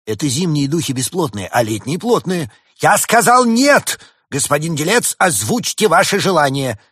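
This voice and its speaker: A man's voice: mid-range voice, lively intonation, fairly quick, a little mellow, husky, no room sound, studio quality, pitched above the performer's own voice. A man voicing a stern, commanding male spirit of winter in a read-aloud fairy tale, declaiming indignantly.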